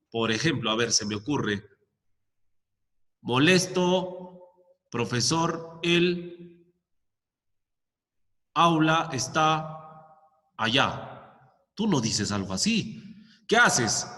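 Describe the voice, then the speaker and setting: Brief: male teacher giving a lesson, animated delivery, reverberant room sound. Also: mid-range voice. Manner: checks in often with "¿ya?", explains step by step with examples. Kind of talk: explaining a lesson to students. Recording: long echoing reverb.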